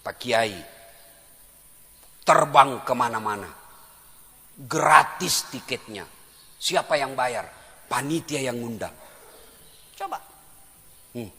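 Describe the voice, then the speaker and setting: A man's voice: mid-range voice, animated, slow pace, pauses often, pushed and bright. A man giving a humorous sermon at an Islamic boarding school, exclaiming and laughing at his own jokes. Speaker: preacher. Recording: reverberant hall.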